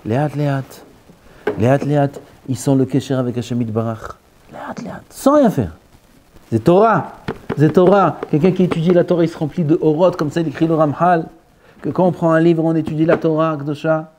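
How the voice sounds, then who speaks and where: A man preaches a Torah sermon, dropping to hushed near-whispers and then rising into lively bursts. His voice is dark and mellow, at a middle pitch. A faint hum of noise sits behind it. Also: fairly quick. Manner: mixes Hebrew terms into French. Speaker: rabbi giving a Torah talk.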